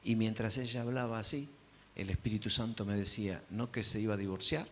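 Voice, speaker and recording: A man's voice: fairly low pitch, steady tone, brisk, a bit bright, slight background noise. A male pastor with an Argentine accent preaching a sermon, telling a story dramatically and acting out the voices. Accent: Argentine Spanish.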